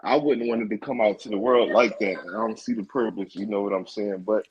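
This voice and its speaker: A man's voice: lowish voice, steady tone, fairly quick, dull audio, a little hiss or hum. A man chatting loosely on a livestream in rambling, easygoing talk. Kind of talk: casual chat.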